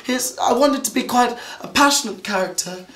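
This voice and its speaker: A woman's voice: fairly high pitch, moderate pace. A woman describing a character in a hesitant way, full of fillers. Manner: hesitant, lots of you knows. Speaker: cast member. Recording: echoey room, distant mic.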